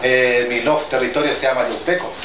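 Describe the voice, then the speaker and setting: A traditional healer from southern Chile, whose first language is Mapudungun, addresses a gathering informally in an echoey indoor hall before an audience. His mid-range voice holds a steady tone, but his plain speech is halting and hesitant, full of restarts. The recording is distant, roomy, and noisy.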